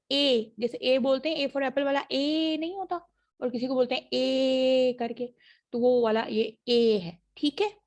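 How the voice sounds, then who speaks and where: A woman teaching a phonetics class over a video call. She has a throat infection, models words slowly and keeps checking in with her students. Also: sits high. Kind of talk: online class lecture. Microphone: computer mic on a video call.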